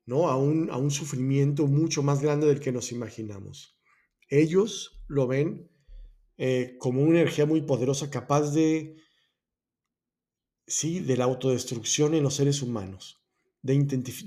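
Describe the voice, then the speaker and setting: A warm, mid-range male voice belongs to a personal growth podcast host explaining Buddhist ideas. His manner is reflective, marked by frequent self-corrections, restarts, and asides.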